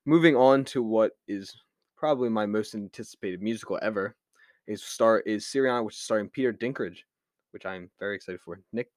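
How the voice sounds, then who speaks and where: A man's voice: lowish voice, fairly quick, no room sound, clean studio sound. A man with a Delaware County, Philadelphia accent, chatting casually as he hosts a film review podcast. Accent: Delaware County, Philadelphia area. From Delaware County, Pennsylvania, USA. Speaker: podcast host.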